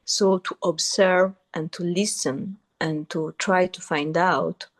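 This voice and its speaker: A woman with a mix of Italian and French accent, a podcast guest answering questions in a relaxed interview, searching for words and often restarting her sentences. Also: on the low side, slow pace. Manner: searching for words, many restarts, laughs easily. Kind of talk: casual interview conversation.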